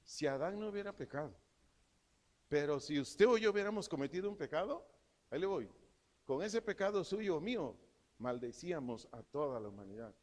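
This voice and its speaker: A man with a fairly high voice delivers a church sermon, reading scripture aloud with emphasis. He drives his points home by repeating key words. The sound rings with a long hall reverb. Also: lively intonation, brisk. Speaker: pastor.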